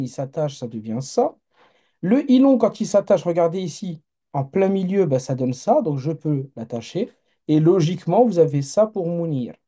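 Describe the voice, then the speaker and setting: Patient male teacher, dark mellow tone, runs a live online class and checks on learners. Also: a little high. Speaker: Arabic teacher.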